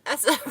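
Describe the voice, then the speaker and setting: A woman's voice: very high voice, bright, forceful tone. A middle-aged woman hosting a live stream from inside a truck, telling stories in a chatty way and laughing often. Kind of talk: casual live-stream chat.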